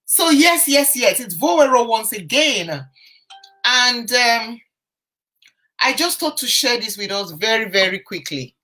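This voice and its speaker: Her voice is on the high side, bright and forceful, with lively intonation and a measured pace. As a confidence coach on a casual phone or webcam live stream, she tells a story, chats with viewers, greets them by name and keeps restarting her phrases.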